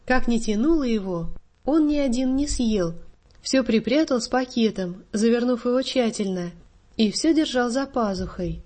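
A woman narrating a story aloud in a measured storytelling manner. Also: on the high side, animated, warm tone.

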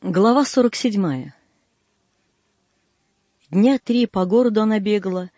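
Male audiobook reader, husky and high-pitched, folksy plaintive first-person tale, close dry recording. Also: unhurried, warm tone, no room sound.

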